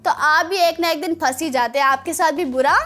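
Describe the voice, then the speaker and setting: In a very noisy recording, a woman with a high voice speaks a little fast while telling stories to children as a show host. Her approach is teacherly, full of questions aimed at her listeners.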